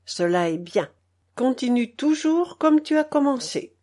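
A woman reading the part of a pompous middle-aged male icon painter who gives a solemn, monotone speech in a storybook. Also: high-pitched, unhurried.

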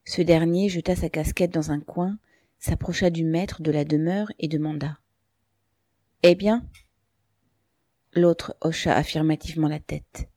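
A woman narrating a novel as an audiobook, reading calmly and evenly. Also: low-pitched, normal speed, dry recording.

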